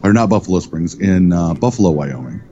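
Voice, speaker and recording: A man's voice: sits low, expressive, brisk, mellow, lo-fi sound, slight background noise. A middle-aged man chatting casually as a guest, rambling and correcting himself as he goes. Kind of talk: casual chat.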